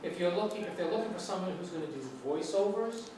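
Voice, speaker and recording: This high-sitting male voice moves at a quick pace as an American with a New York accent delivers an English lecture to students. He reassures and rambles with frequent restarts; the audio is noisy, distant-miked and echoes through a hall.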